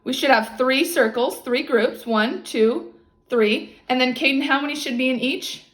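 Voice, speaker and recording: Female tutor, high voice, patiently explaining to a young child step by step, encouraging, roomy echo on the recording. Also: normal speed, a bit bright. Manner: encouraging, explains step by step with frequent checks for understanding. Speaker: maths teacher tutoring a child. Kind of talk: one-on-one lesson, explaining to a child. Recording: echoey, roomy sound.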